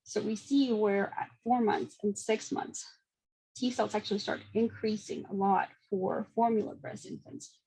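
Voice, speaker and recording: A young woman presents a seminar talk at a brisk clip, with frequent ums and small laughs. Her voice has a gravelly fry and a slightly husky edge. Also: medium pitch, steady tone, dark tone, poor audio. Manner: quick, with fillers and small laughs. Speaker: student presenter.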